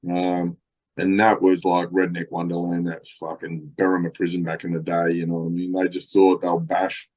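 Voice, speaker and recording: A man's voice: low-pitched, monotone, normal speed, a little mellow. A middle-aged Australian man telling stories as a podcast guest, rambling, swearing a lot, with many fillers. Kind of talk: casual storytelling.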